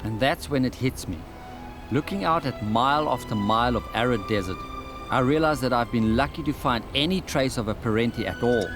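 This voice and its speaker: Male documentary narrator, mid-pitched, measured scripted read over loud background music. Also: expressive. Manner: measured, reflective first-person narration.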